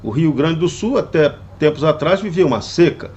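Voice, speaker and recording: A man's voice: on the high side, lively intonation, moderate pace, a little mellow, muffled recording. A man delivering a scripted opinion commentary, indignant and full of rhetorical questions. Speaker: political commentator.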